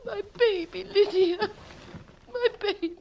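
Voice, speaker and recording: A woman's voice: very high-pitched, slow pace, vocal fry, darkish tone, muffled recording, heavily acted. An actress playing a fretful middle-aged mother of five daughters, fussy and hysterical and close to tears, in a period film. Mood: distraught.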